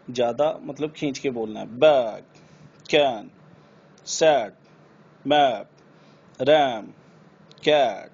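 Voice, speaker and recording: A man teaching a lesson, explaining step by step and saying example words louder and drawn out. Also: medium pitch. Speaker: English pronunciation teacher. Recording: slightly dull with faint background noise.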